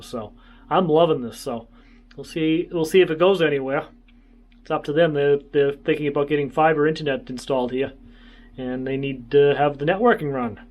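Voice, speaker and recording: A man chatting casually to viewers as a travel vlogger, rambling along in an easygoing way. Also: on the high side. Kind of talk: casual vlog chat.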